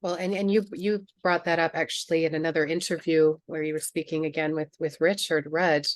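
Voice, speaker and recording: A woman's voice: sits low, little pitch movement, brisk, dry recording, studio quality. A woman hosting an interview, talking casually and hesitantly, searching for her words with many fillers. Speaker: interview host.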